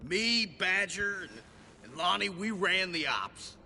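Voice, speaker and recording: A nervous lowlife raider in a video game, stammering as he talks. His voice is high and very bright. A long reverb trails it. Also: sing-song, slow pace, a little hiss or hum, heavily acted.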